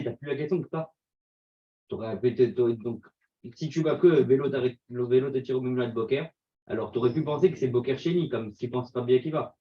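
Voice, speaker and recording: A man's voice: medium pitch, dull audio. A man in a Talmud class explaining a point, hesitant and repeating himself as he reasons aloud. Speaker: student. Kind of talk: classroom discussion.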